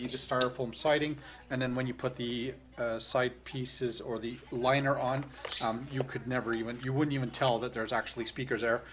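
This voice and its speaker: Here a tutorial channel host, a man of medium pitch, walks through a casual hands-on how-to one step at a time. His explanation is loose and hesitant, full of self-corrections, and a slight hiss or hum sits under the audio.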